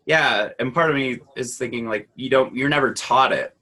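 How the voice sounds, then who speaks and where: A man's voice: mid-range voice, moderate pace, pushed and bright. A man co-hosting a podcast, explaining his views earnestly in casual, run-on sentences. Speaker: podcast co-host. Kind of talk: casual conversation.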